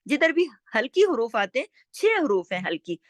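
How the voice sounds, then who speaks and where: A woman teaching Quran recitation step by step, explaining rules slowly and chanting words drawn out. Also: high voice, sing-song, dry recording.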